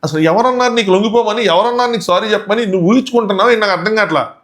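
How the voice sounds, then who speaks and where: A man delivers casual commentary on a reality show at a rapid clip. His voice sits a little high, and he keeps firing off indignant rhetorical questions as he picks apart what happened. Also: a bit bright.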